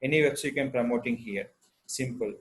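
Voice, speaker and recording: A man with an Indian Telugu accent presents an unscripted step-by-step software tutorial in halting, repetitive instructional phrases. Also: mid-range voice.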